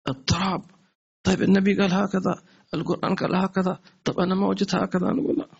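A male religious teacher, giving a sermon-style lesson in a conversational, animated way and repeating words for emphasis. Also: high-pitched, gravelly, slightly rough. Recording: dull lo-fi stream audio.

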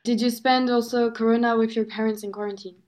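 Young woman, cheeky and giggly, a bit high-pitched, casual podcast chat. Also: flat delivery, quick pace, a little mellow. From France.

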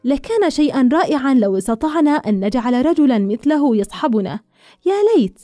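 A woman doing a gushing, high-voiced young woman. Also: animated, quick pace, mellow, no echo, soft background music. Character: excitable, gossiping young woman.

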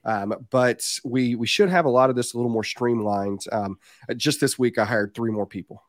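A man's voice: mid-range voice, normal speed, dry recording. Folksy southern Indiana man chatting, dry sound. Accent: southern Indiana, Kentucky-border. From southern Indiana, United States. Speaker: podcast guest, reptile business owner. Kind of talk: casual podcast interview.

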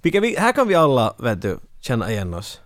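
Animated male podcast co-host. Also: medium pitch, dry recording, studio quality. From Finland. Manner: animated storyteller, recaps the film. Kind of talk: casual chat.

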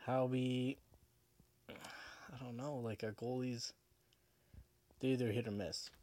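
A man's voice: medium pitch, fairly even intonation, slow, darkish tone. A drunk man hosting a casual sports podcast alone, rambling, repeating himself and swearing. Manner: rambling, profane, repetitive. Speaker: podcast host.

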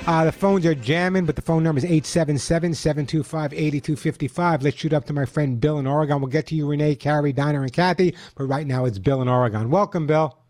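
An American man works as a radio pet expert and host. His voice sits a little high with a soft, mellow tone, captured very dry. He drives points home emphatically and likes to repeat them. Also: fast talker, hardly any pauses, no echo. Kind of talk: live call-in radio show with self-read product plugs.

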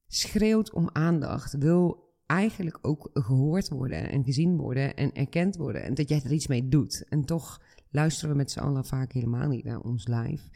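A calm man hosting a reflective podcast, talking straight to the listener at an unhurried pace. His voice is mellow and dark, with a gravelly rasp running under his words. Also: fairly high pitch. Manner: calm, slow and addressing the listener directly. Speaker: podcast host and coach.

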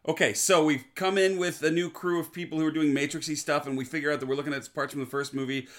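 A man appearing as a podcast guest, rambling through a rapid plot recap in casual chat. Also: on the high side, fairly even intonation.

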